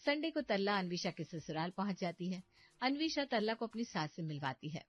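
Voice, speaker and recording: A woman giving scripted narration for an animated story, steady and even. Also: medium pitch, brisk, no echo, lo-fi sound.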